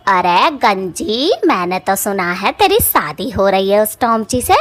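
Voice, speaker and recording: A woman voicing a scornful elder sister in a cartoon story, speaking in a slow, mocking drawl. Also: medium pitch, sing-song, fairly bright tone. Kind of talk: cartoon voice acting.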